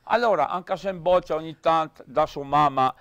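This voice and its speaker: A man's voice: on the high side, normal speed, creaky, a bit bright, no echo, highs cut off. A man in bantering TV chat, arguing and teasing, repeating his points. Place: local TV studio.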